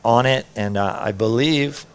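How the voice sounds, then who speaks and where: A man's voice: medium pitch, unhurried, smooth. A middle-aged man giving conversational live commentary as a surf contest announcer.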